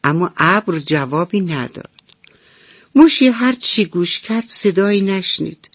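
A woman narrating a bedtime story for children on the radio, gentle and affectionate. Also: lowish voice, expressive, no room sound. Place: radio studio.

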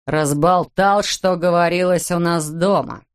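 A woman reading an audiobook voices a furious, brutal middle-aged father who growls slowly and menacingly. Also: high-pitched, fairly even intonation, clean tone. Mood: raging.

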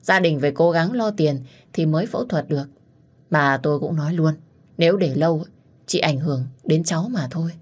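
A woman voicing a calm, matter-of-fact middle-aged doctor giving hard news. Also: low-pitched, fairly quick, husky. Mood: grave.

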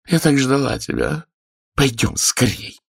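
A man's voice: mid-range voice, sing-song, unhurried, vocal fry, breathy edge, pitched above the performer's own voice, full character voice. A man voicing a hot-tempered, lustful noblewoman in a shrieking, breathless voice. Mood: gushing.

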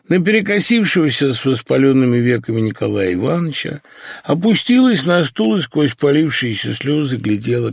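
Gravelly male audiobook narrator. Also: medium pitch, no echo, clean studio sound. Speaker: audiobook reader. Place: recording studio.

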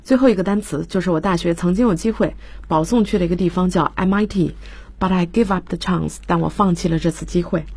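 A woman's voice: on the low side, brisk, a little mellow, breathy edge. A woman teaching English words on a radio lesson, explaining each word and spelling it out letter by letter. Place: radio studio.

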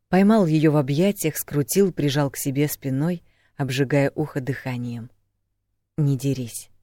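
Audiobook narrator, man, even storytelling read, dry close sound. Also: fairly high pitch, no room sound. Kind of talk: scripted narration.

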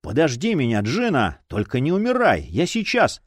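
Read by a man, a stubborn detective bargains and pleads in a storybook scene. His voice is tense and lively in pitch, recorded close and dry. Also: moderate pace, no room sound. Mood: pleading. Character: desperate stubborn male detective.

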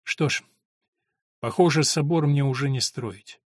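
A man's voice: mid-range voice, unhurried, no room sound, studio quality, lightly acted. A man voicing a hot-tempered young male stonemason apprentice who lashes out in bursts. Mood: glum. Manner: bursting, accusing outbursts.

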